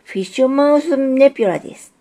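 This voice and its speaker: An earnest young male railway signal from a storybook, pleading his love with eager repetition, voiced by a woman reading aloud. The voice sits higher than the reader's usual tone, with a soft, mellow timbre. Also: expressive, fast. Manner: pleading, eager, repeats himself.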